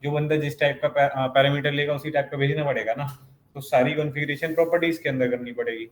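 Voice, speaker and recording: A programming instructor with a fairly high pitch and fairly even intonation moves at a quick pace through his coding lesson. Step by step, he explains and questions himself aloud, against echo and faint noise in the room.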